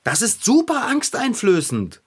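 A man voicing an eager, excitable young bike tinkerer in a children's audio drama, swinging between glee and gloom. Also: very high voice, a little slow, slightly rough, heavily acted. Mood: glum, rueful.

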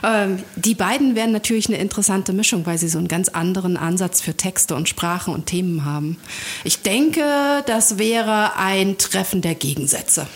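A woman, answering as a radio interview guest in a thoughtful, measured way. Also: mid-range voice, breathy edge.

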